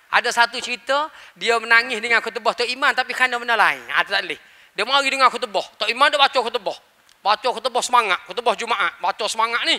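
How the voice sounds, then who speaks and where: A man with a Malaysian Malay accent preaching in a mosque prayer hall, telling a funny story and acting out its dialogue. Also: very high voice. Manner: animated storyteller, acts out dialogue. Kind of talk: sermon talk with humorous story.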